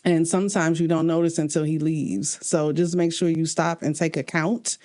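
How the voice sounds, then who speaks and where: A woman co-host talks through marriage and faith in an earnest, easy way, often breaking into laughter. Her voice sits a little low and sounds warm and mellow rather than bright. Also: fairly even intonation, normal speed. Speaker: podcast co-host. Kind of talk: casual relationship talk.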